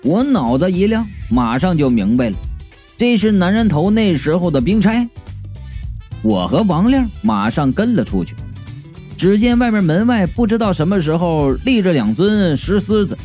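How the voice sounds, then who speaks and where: A male storyteller with a fairly high but mellow, dark-toned voice. His delivery is animated, rising and falling a lot. Faint music plays underneath. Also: moderate pace. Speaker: narrator. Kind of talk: storytelling narration.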